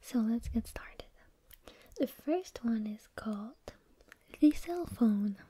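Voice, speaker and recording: A woman whispering in a breathy, unvoiced voice, reading stories and rambling informally in an unhurried ASMR style. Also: on the high side, expressive, mellow.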